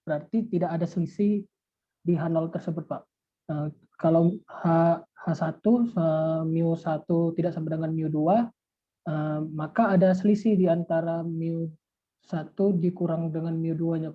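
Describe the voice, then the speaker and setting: A phone-like recording of a young adult student answering a lecturer. The delivery is flat and hesitant, with a deferential manner. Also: mid-range voice. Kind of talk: answering a question in class. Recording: narrow phone-like call audio.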